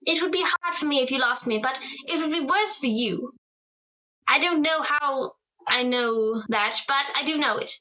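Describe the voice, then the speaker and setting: Give me a clinging, high-voiced daughter in a vintage radio play. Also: female voice, normal speed, pushed and bright, lo-fi sound. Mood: affectionate. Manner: affectionate, teasing, then pleading. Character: young woman Margaret, playful and clinging. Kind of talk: radio drama acting. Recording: old radio recording.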